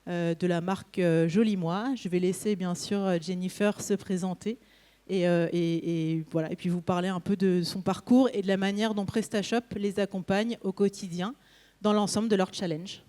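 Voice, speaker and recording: A woman's voice: fairly low pitch, fairly even intonation, moderate pace, warm tone. A woman hosting a conference interview, speaking spontaneously and searching a little for words. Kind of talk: spontaneous stage presentation and interview.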